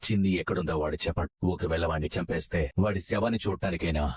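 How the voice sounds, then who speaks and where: A man's voice: low-pitched, quick pace, slightly rough. An actor playing a ruthless male crime boss who mocks and threatens in a menacing manner. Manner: menacing and mocking, gives cold orders. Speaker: villain in a TV serial. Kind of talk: TV serial acting.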